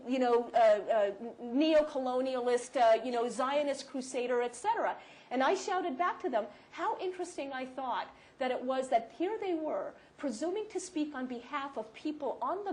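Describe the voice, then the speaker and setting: A woman speaking at a university lecture and answering audience questions, animated and emphatic, quick to rebut. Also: high-pitched. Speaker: guest speaker.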